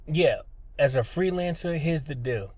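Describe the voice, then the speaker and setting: A man hosts a motivational podcast, talking to the listener directly and emphatically in an earnest, plainspoken, conversational way. His voice is on the high side and darkish, a little slow, and the recording is dry. He's a freelancer as well as a podcast host.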